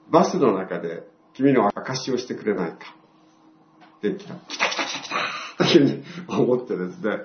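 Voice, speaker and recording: Older man, church testimony, animated pitch, roomy dull sound. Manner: storytelling, acts out quoted dialogue. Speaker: church member giving testimony. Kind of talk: testimony talk to a congregation.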